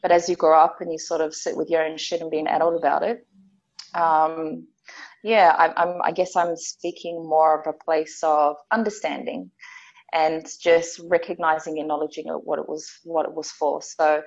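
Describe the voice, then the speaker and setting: A woman with a New Zealand accent talks as a podcast guest, her voice sitting low. She speaks candidly and reflectively, with frequent ums and soft laughs. The sound is a little dull and lo-fi. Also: flat delivery, moderate pace. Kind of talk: personal storytelling in conversation.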